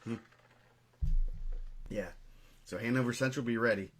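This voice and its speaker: A man co-hosting a casual podcast about high school wrestling, running through results in a steady, list-like way. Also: a little slow, a crowd in the background. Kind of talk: casual sports chat.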